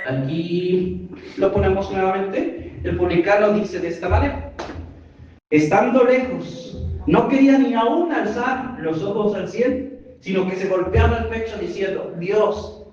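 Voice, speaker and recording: A man's voice: high-pitched, darkish tone. A man with a Mexican accent preaching a sermon, explaining a passage step by step and asking the congregation questions. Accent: Mexican Spanish. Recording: distant, echoey hall, dull sound.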